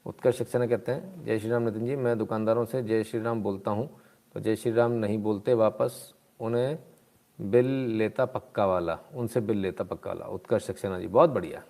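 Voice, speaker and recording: A man's voice: on the low side, brisk, vocal fry, dark tone. A man hosting a live stream in casual commentary, exclaiming, asking rhetorical questions and reading out viewer comments.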